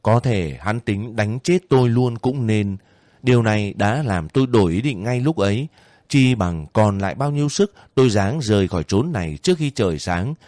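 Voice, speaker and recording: A man narrating a first-person novel as an audiobook in a calm, steady manner. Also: lowish voice, no echo, clean studio sound.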